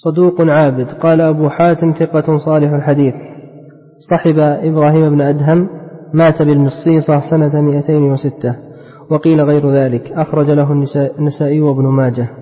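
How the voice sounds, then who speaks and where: A man's voice: a little high, level tone, brisk. A man reading a classical text aloud to his teacher, repeating phrases when he is asked. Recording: dull lo-fi sound in a reverberant hall.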